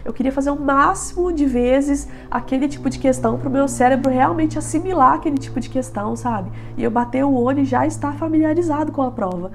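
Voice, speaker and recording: This is a high, slightly fast female voice with hardly any pauses: a twenty-something vlogger stuffed up and nasal with a head cold. She chats casually to camera in her small bedroom about studying, using lots of filler tags and animated hand gestures.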